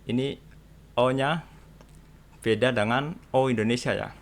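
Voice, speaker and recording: A young man teaching beginners to read letters, explaining slowly and patiently and repeating each sound for practice. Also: mid-range voice. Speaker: Korean language teacher. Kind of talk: beginner lesson on reading letters.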